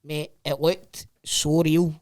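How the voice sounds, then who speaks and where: Higher-pitched Scottish man, casual banter. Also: flat delivery, slow pace, a little mellow. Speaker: podcast host.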